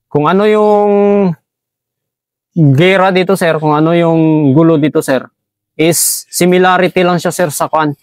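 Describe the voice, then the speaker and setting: Brief: soldier man from basilan, respectful and halting, slightly high pitch, dry close sound. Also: fairly even intonation, no echo. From Basilan, Philippines. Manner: deferential, says "sir" after nearly every phrase, halting. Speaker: army staff sergeant. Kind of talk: interview answers.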